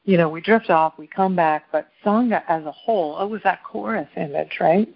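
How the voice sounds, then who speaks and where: A woman's voice: on the low side, normal speed, creaky, lo-fi sound. A woman facilitating a call-in radio show, chatting with callers in an encouraging, affirming way. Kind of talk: casual call-in radio conversation.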